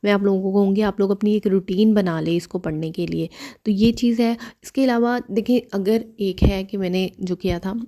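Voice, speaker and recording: A young adult woman from Pakistan giving earnest, casual spoken advice in a vlog, repeating herself and often pausing with "um". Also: mid-range voice, steady tone, dark tone. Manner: earnest and repetitive, with many "um" fillers. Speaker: vlogger.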